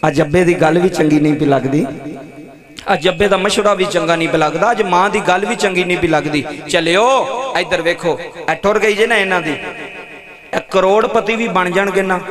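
High-voiced impassioned preacher. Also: male voice, reverberant. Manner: impassioned, calls on the audience to answer. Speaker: Islamic preacher. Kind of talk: emotional sermon to a gathering. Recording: live event with crowd noise.

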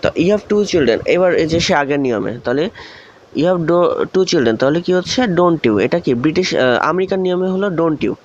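A man's voice: a little high, animated, normal speed. Man teaching grammar, asking and answering. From Bangladesh. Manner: asks questions then answers them himself. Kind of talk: recorded video lesson. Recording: dull lo-fi recording with faint hiss.

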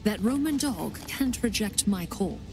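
An actress voicing a vengeful warrior queen in a video game, a grieving mother with iron will who speaks gravely and with command. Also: medium pitch, animated, unhurried. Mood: grim, vengeful. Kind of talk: video game character dialogue. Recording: music behind the voice.

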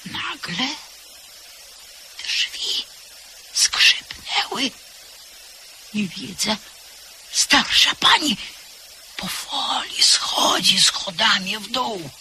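A frightened maidservant recounts a night of horror in a 1970s-style radio drama, voiced by an actress whose breathless whispers break into cries. The house servant's mid-range voice is sing-song, pushed and bright, with drawn-out words, long pauses and a full character voice, plus a little hiss or hum.

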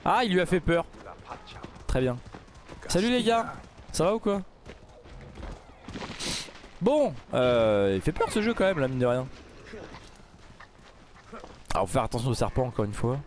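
A man giving casual let's play commentary, mumbling then bursting into loud outbursts. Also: medium pitch, measured pace, pauses often, a little hiss or hum. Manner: excitable, swings from mumbling to outbursts. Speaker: gaming YouTuber.

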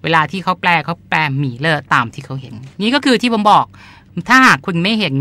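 A man's voice: on the high side, creaky, sharp tone. A man hosting a podcast, chatting casually as he explains terms and often repeats them with polite particles. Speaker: podcast host and translator.

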